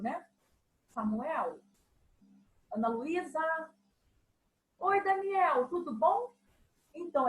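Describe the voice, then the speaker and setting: A woman music teacher giving a patient, animated lesson to young children. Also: very high voice, echoey room, poor audio. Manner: patient, animated explaining with examples.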